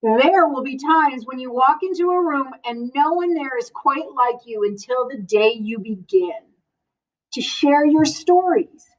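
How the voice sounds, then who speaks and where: A woman's voice: high-pitched, expressive, unhurried, distant mic, poor audio. A woman reading a picture book aloud as a school librarian, expressively and with asides spoken directly to children.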